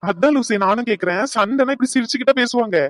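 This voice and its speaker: A woman's voice: on the high side, fast talker, no echo, studio quality, natural voice. A woman voicing a playful, affectionate young husband in a cartoon, teasing his pregnant wife with fond scolding. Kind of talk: cartoon voice acting.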